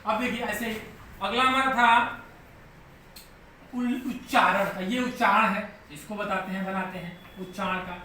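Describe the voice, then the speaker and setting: Echoey far-off male teacher, bright tone. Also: sits high, steady tone, a little slow. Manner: patient, repeats steps, keeps checking students follow. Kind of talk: live online grammar class. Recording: very echoey room, voice far from mic, faint background noise.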